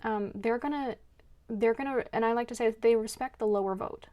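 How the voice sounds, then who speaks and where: A woman's voice: on the high side, moderate pace, mellow. A woman giving an earnest, emotional spiritual card reading, rambling with many restarts. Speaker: card reader.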